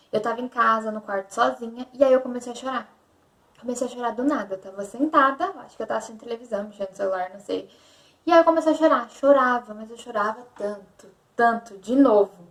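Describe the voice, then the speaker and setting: A young woman from Brazil with a fairly high voice speaks candidly to camera, looping back on her words as she tells a personal story. She sits back from the mic in an echoey room. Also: far from the mic. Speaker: vlogger. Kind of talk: personal confessional vlog.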